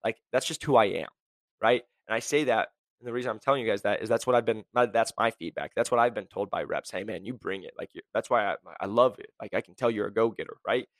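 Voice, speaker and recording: A young man hosting a career podcast, blunt and high-energy, packed with "like" and "right?". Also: quick pace, dry recording. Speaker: podcast host. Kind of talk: motivational career podcast talk.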